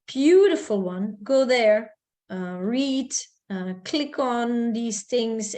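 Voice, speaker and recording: A woman's voice: medium pitch, a little mellow. Upbeat woman presenting online. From Belgium. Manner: upbeat and persuasive, urging listeners on. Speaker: presenter of an info session. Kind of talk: recorded video-call presentation. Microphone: video call.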